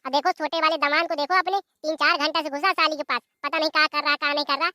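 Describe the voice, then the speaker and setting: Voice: sits high, steady tone, fast talker, sharp tone, no room sound, studio quality. A performer voicing an aggrieved young son-in-law who complains to his father-in-law in a cartoon.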